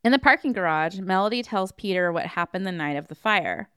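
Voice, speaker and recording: Smooth-voiced woman recapping a movie. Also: mid-range voice, expressive, a little fast, fairly bright tone, no room sound, clean studio sound. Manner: wry, sarcastic asides between plot summary. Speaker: podcast co-host. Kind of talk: casual movie recap chat.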